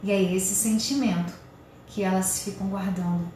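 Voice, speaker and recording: A woman's voice: medium pitch, steady tone, normal speed, mellow. A woman giving marriage advice straight to the viewer, in an earnest, coaching way. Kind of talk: direct-to-camera advice talk. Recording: very echoey room with faint noise.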